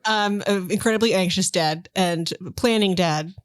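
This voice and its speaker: A woman's voice: medium pitch, normal speed. A woman who hosts as game master, chatting in a bubbly way and laughing easily. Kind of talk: podcast chat and game narration.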